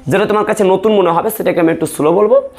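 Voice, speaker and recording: A man's voice: high-pitched, rapid-fire, a little mellow. A male math teacher leading a classroom lesson, asking questions and repeating the answers step by step. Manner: repetitive call-and-response questioning.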